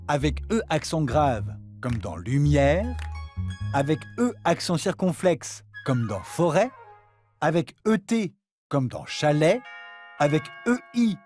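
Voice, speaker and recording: A playful male host narrates a children's language lesson with scripted cheer. His pitch moves in a very lively way from line to line. A faint music bed plays behind.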